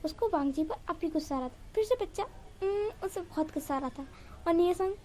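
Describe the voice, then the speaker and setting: A woman's voice: very high voice, animated, a little fast, dark tone. A woman casually retelling a fan story, chatty and linking each event with "so". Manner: chatty, strings events together with "so".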